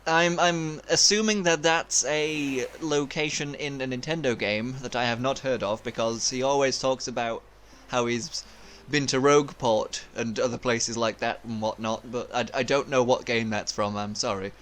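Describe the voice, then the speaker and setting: A man's voice: mid-range voice, steady tone, moderate pace, a bit bright, slight background noise. A young man casually commenting while playing a game, chatty and self-mocking. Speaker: gaming video host.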